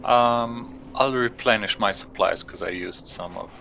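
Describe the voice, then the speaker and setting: A man's voice: fairly low pitch, measured pace, vocal fry, bright, forceful tone, a little hiss or hum, rough recording. A man playing a tabletop game, talking casually and hesitantly in role. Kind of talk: casual role-play chat.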